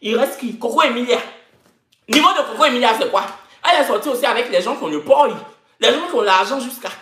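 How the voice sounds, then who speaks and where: Animated woman live-streaming. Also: a little high, quick pace. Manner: mocking, theatrical, addresses viewers directly. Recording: echoey room.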